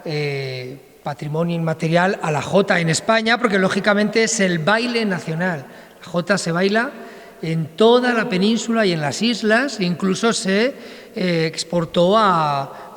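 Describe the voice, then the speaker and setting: Man, folk singer addressing a crowd, quick and chatty with lots of fillers, long hall echo. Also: high-pitched, a bit bright. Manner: rapid, chatty, full of fillers and tag questions. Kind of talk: spoken introduction at a public event. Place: large reverberant hall at a public presentation. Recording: long hall reverb in a large space.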